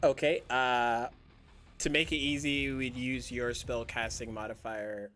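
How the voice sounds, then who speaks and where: A man serves as game master for a tabletop role-playing session, narrating combat in unhurried, loose phrases. His voice is bright and forward. He takes his time over each description. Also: mid-range voice, soft background music. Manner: relaxed, describing the action in loose, halting phrases.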